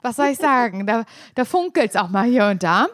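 A young woman talks in a rambling, self-mocking way, stumbling through restarts as she tells a story. Her voice sits a little high. The recording is dry and close, with no room sound. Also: lively intonation, moderate pace, dry recording. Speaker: podcast co-host. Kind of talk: casual chat.

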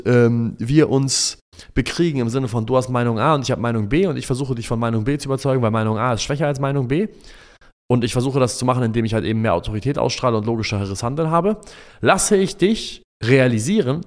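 Male podcast host, sales coach, mid pitch, animated storyteller who plays out dialogues. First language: not German, has a migration background. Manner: animated storyteller, acts out both sides of dialogues. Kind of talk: podcast monologue with sales stories.

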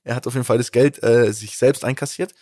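A man on a podcast telling an animated anecdote in casual chat, with many fillers and restarts. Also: medium pitch, fast, no echo, clean studio sound. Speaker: podcast co-host.

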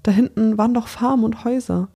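A narrator voicing a frightened young woman who urgently pleads with her friends to stay calm and work together. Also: a little high, quick pace, creaky, breathy edge, voice pushed up. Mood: hopeful.

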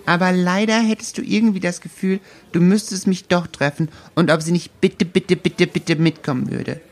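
A man's voice: sits high, fairly even intonation, moderate pace, voice pushed up. A clever teenage girl explains things with unbearable patience, as a man puts her on in a raised voice. She sounds a little condescending, like someone walking a child through simple sums. It is an amateur read-aloud of a book scene. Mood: patient lecturing.

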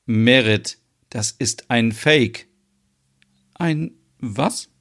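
A man's voice: mid-range voice, expressive, moderate pace, lightly acted. A man voicing a sensible, worldly married woman who explains things to her friend in a knowing way, in a podcast soap opera.

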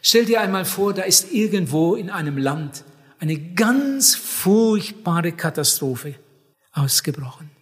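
A man preaching a sermon in an earnest, emphatic way, addressing his listeners warmly as dear ones. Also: high-pitched, expressive, takes it slowly, breathy edge. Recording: long hall reverb.

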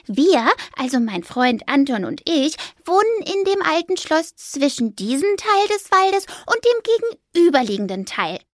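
A woman voicing a shy, gentle little mouse in a children's story, with a high, squeaky, timid voice. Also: sing-song, a little slow, hardly any pauses, dry recording, clean studio sound. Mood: shy, soft.

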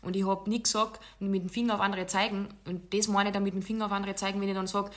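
A woman hosting a relaxed podcast conversation. She talks in an emphatic, direct way, leaning hard into her points and telling little stories from her own messages. Her voice sits at an ordinary middle pitch. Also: fast. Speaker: podcast host. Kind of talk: casual podcast chat.

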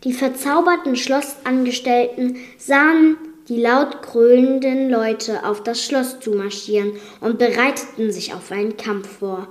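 A woman reading a fairy tale aloud in a calm, measured way as podcast host. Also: on the high side. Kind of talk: slow fairy-tale narration.

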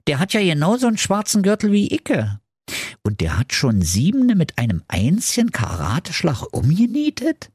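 A man's voice: fairly high pitch, wildly swooping pitch, normal speed, darkish tone, slightly rough, no room sound, studio quality, voice pushed up, full character voice. A man voicing a hot-tempered ninja with a strong Berlin accent, brash and insulting. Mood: boastful.

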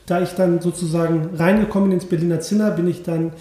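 Man, high voice, dark mellow tone, unhurried, many fillers, heavy room echo. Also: steady tone. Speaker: podcast co-host, journalist and copywriter. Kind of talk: casual conversational interview. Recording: very echoey room.

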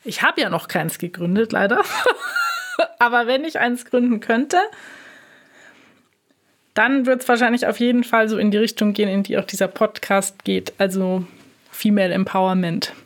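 A woman's voice: medium pitch, normal speed, pauses often. Woman hosting a podcast, friendly, laughs a lot, middle voice. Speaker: podcast host, health journalist. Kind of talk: podcast interview.

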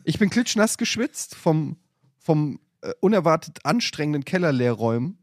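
Animated man telling a story. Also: on the high side, normal speed, dry recording, studio quality. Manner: animated anecdote-telling, voices his mother. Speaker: podcast host. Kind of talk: casual storytelling chat.

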